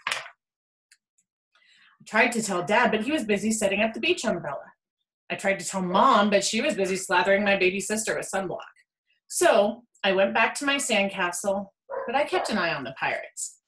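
With a mid-range voice at normal speed, a storybook reader performs a children's picture book aloud, giving it an expressive, storytelling delivery.

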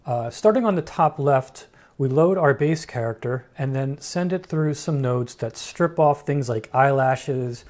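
A man hosting a software tutorial, explaining each step frankly with dry humor. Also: medium pitch, expressive, a little slow. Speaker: tutorial host. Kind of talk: screen-recorded software tutorial.

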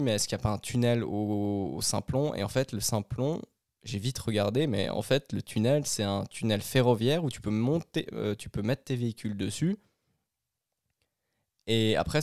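Chatty Swiss French podcaster, dry sound. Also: male voice, mid-range voice, a little mellow, no room sound. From Switzerland. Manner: rambling, chatty, many restarts and fillers. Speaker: podcast host. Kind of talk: casual solo podcast monologue.

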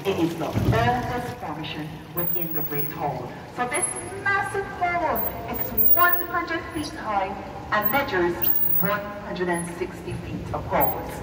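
A woman guiding a cave tour, explaining slowly and carefully and repeating key words. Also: medium pitch, background noise. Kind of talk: guided tour commentary. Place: large limestone cave on a tram tour. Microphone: visitor's phone camera, away from the speaker. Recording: echoey cave from far off.

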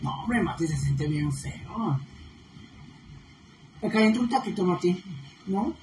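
A woman's voice: fairly low pitch, lively intonation, slow, a little mellow. Chatty woman livestreaming, echoey room. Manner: chatty, laughing often, gossipy. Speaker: livestream host. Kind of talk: casual livestream chat reading viewer comments. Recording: echoey room with faint noise.

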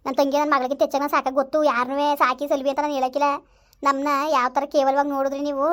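A woman's voice: sits high, a bit bright. A woman playing a bitter young woman raising her younger sister, complaining in a resentful rush, in a village family skit.

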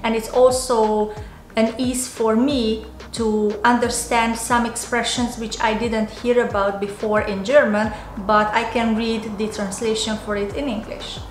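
Fairly high-pitched and level in tone, she speaks unhurriedly, with a little hiss or hum on the audio. A twenty-something YouTuber with a Hungarian accent, she earnestly lays out tips step by step in slightly non-native phrasing, filming a casual vlog in her small, roomy home office with faint music.

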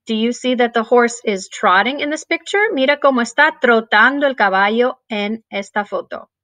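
A woman teaching a bilingual music lesson to young children, switching between English and Spanish and speaking slowly and clearly. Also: on the high side, fairly bright tone, no echo. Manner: sings and chants rhythm words.

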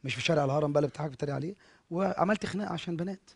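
A man's voice: a little high, very fast, gravelly, a little hiss or hum. A man in his thirties with an Egyptian accent, a guest on a studio talk show, polite but defensive. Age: 30s. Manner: deferential yet defensive, repeating polite address. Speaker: guest singer.

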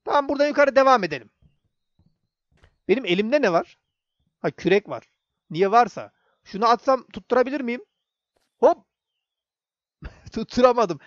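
A man's voice: very high voice, expressive, normal speed, pauses often, no room sound, lo-fi sound. A young man giving casual gameplay commentary, chatting to the game character and to viewers. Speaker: gaming YouTuber.

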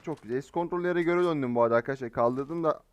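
Excitable joking male gamer, high-pitched. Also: very fast, highs cut off, noisy background. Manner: excitable, teasing slang-filled banter. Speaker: mobile game streamer. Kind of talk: live gameplay commentary. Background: faint game gunfire.

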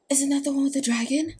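Her voice sits high but has a dark tone. She's a young adult reaction video host in a small room, giggling and gushing casually over game trailer audio and music.

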